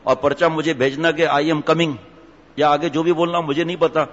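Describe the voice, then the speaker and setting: A man's voice: fairly high pitch, flat delivery. A man, a cleric giving a humorous sermon in a mosque, teasing his audience with jokes and stories. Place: mosque hall. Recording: echoey hall, dull lo-fi sound.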